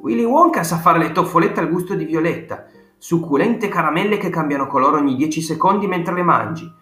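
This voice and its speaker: A man voicing an excited ninety-six-year-old grandfather who tells stories with eager, emphatic exclamations, in a roomy audiobook recording with faint guitar music. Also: mid-range voice, close to an everyday voice.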